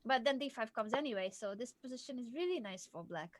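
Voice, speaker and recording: A woman's voice: fairly high pitch, animated, quick pace, no echo. Young woman chess coach, analytical, laughs a lot, dry close sound. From southern Hungary. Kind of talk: casual chess lesson on a livestream.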